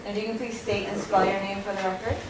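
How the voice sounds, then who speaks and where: A woman court clerk reading out the oath to a witness in a formal, measured delivery. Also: medium pitch, flat delivery, a crowd in the background. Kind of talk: administering the oath. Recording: distant, very echoey, loud room noise.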